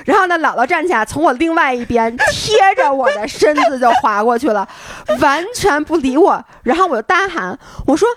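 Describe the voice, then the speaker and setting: A woman co-hosting a podcast, telling a story in casual chat, animated and acting out scenes as she goes. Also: high voice, fairly quick, few pauses, heavy background noise. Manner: animated, interrupts, acts out scenes. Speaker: podcast co-host.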